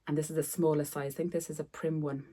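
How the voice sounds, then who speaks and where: This is a middle-aged Irish woman, a sewing vlogger, chatting to the camera upstairs at home while losing her voice and frequently repeating words to stress them. She talks fast in a low, mellow voice with a level tone, against slight background noise.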